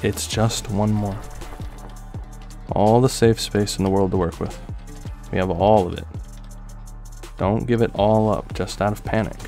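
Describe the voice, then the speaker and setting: A man's voice: lowish voice, fairly even intonation, a little slow, gravelly, long pauses, mellow, soft background music. A young man giving gameplay commentary as he plays, trash-talking the boss and swearing often. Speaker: gaming video creator.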